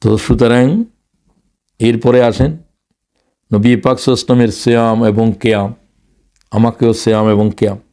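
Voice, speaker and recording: A man giving a dramatic religious lecture, rising to exclamations and slowing down for quotations. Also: medium pitch, fairly even intonation, warm tone. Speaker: Islamic lecturer, former English teacher.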